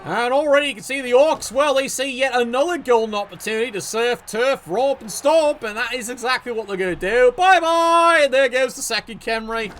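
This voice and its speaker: A man's voice: extremely high pitch, a little fast, few pauses, soft background music. A man commentating a video game league match, sarcastic, joking and swearing freely.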